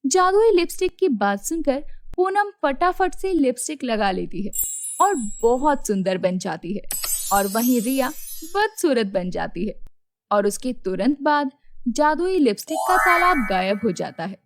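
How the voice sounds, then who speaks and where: A woman narrating a children's cartoon story in a steady storytelling way. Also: sits high, measured pace.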